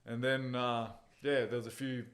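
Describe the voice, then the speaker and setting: Speaking at a normal speed and a typical middle pitch, a mixed martial artist guesting on an interview loosely recounts stories of his bouts and growing up. He's relaxed and talkative, laughing now and then at his own humor.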